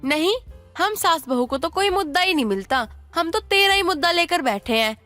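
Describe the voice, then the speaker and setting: A woman voicing a sharp-tongued older mother-in-law who scolds and mocks. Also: very high-pitched, lively intonation, normal speed, soft background music. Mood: scolding. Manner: scolding, sarcastic.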